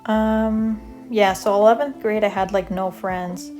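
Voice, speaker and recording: A soft-spoken young woman from Canada, casually telling stories about her school years in a rambling, self-deprecating way while she draws, with light music playing behind her. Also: mid-range voice, fairly even intonation, a little slow. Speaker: vlogger. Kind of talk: casual storytelling over drawing.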